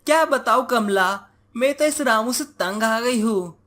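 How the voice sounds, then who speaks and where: A man's voice: very high voice, animated, measured pace, bright, forceful tone, pitched above the performer's own voice, exaggerated voice. Man voicing a nagging village wife. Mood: scheming. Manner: scolding. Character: nagging village wife, young adult, sharp-tongued.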